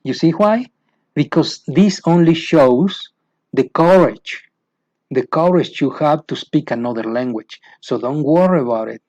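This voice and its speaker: A Mexican man with a Mexican accent, a Spanish speaker, teaches fellow teachers an English method, repeating points and often asking "you know why?" with growing emphasis. He is animated and measured, with a voice on the high side and a little mellow. There's no room sound and the highs are cut off.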